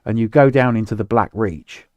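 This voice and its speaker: A man's voice: on the low side, normal speed, a little mellow, no echo. A man co-hosting a casual chat about video games, rambling and losing his words mid-sentence. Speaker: podcast co-host.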